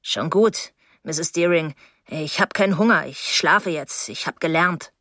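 A woman voicing a moody, stubborn young man who answers curtly in a lowered voice. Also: unhurried, bright, forceful tone, dry recording, studio quality, full character voice. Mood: sulky.

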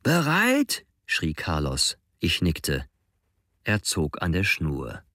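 A man reading a first-person story aloud in an expressive way. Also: very deep voice, slow, dry recording, clean studio sound. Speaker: narrator. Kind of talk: audiobook narration.

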